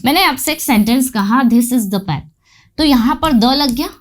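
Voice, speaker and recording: A woman's voice: fairly high pitch, measured pace. Indian woman teaching English grammar. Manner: explains step by step, asks and answers her own questions. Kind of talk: spoken grammar lesson.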